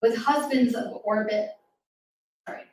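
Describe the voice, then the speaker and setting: Her voice fairly high and a little slow, a woman leads a live storytime, reading rhyming verse to young children in an encouraging, interactive manner. Echo fills the roomy space, and the distant mic adds faint noise.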